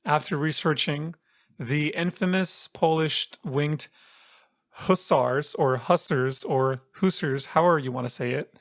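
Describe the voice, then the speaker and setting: A man co-hosting a podcast, telling a story in a chatty, relaxed way with playful asides. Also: on the high side, moderate pace, vocal fry. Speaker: podcast co-host presenting the episode's story. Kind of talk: casual podcast chat.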